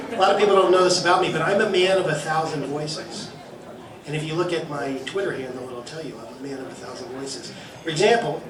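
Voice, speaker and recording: A man emceeing an awards gala with playful, self-mocking patter and halting restarts. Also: a little high. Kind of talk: joking stage patter. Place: large event hall. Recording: echoey hall from far off, crowd noise.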